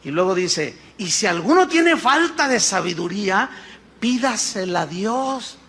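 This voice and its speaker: A pastor, preaching a sermon, asking rhetorical questions and acting out little dialogues. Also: male voice, high voice, sing-song, unhurried, vocal fry, a bit bright, husky. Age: 50s.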